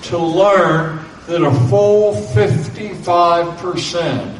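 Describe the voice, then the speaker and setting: Slow, measured man in a roomy space. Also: fairly high pitch. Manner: measured, spells out names letter by letter. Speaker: lecturer. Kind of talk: reading a lecture aloud. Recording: roomy, distant mic with faint background noise.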